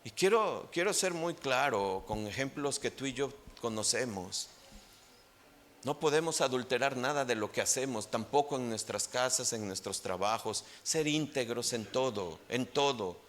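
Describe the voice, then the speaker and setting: A man's voice: expressive, normal speed, a bit bright. Mexican man preaching a sermon. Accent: Mexican Spanish. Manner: emphatic preaching, rising in pitch on key points, asks the congregation for amens. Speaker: pastor.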